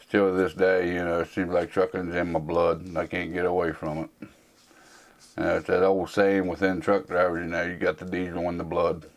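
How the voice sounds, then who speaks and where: A man's voice: low-pitched, little pitch movement, brisk. A man, hosting a casual Q&A and rambling in a folksy, plain-spoken way with plenty of fillers. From United States. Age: 40s. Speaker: host answering viewer questions. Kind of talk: casual Q&A chat.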